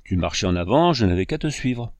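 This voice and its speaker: A man's voice: lowish voice, lively intonation, fairly quick, a little mellow, no echo. A man voicing a blunt male frontiersman who answers in a defensive way.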